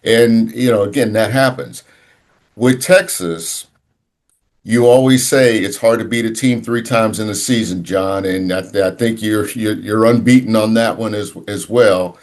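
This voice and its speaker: A man co-hosting a sports podcast in casual talk, halting and searching for words with many restarts. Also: on the low side, steady tone.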